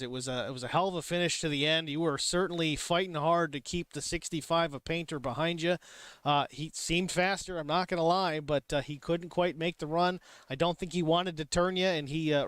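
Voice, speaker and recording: An excitable male race commentator with a voice pitched a bit above the usual, delivering lively booth play-by-play. The sound is close and dry, with almost no room around it. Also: fairly quick, clear, resonant tone, dry recording. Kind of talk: sim racing broadcast commentary.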